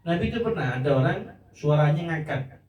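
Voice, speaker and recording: A man preaching a lively sermon, asking his listeners rhetorical questions. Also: fairly high pitch, fairly quick, muffled recording. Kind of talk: religious sermon. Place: religious gathering hall. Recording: echoey hall, mic from a distance.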